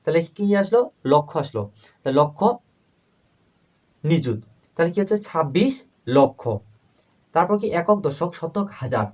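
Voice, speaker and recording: Male math teacher, fairly high voice, asks and answers himself, slow repetition. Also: lively intonation. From Bangladesh. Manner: asks and answers his own questions, repeats numbers slowly. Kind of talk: step-by-step math lesson.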